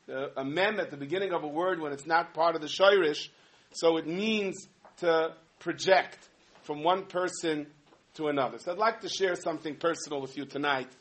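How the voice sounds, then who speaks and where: A man delivers a humorous sermon. He tells stories in an animated way, full of asides. His voice sits a little higher than most men's. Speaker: rabbi giving a talk.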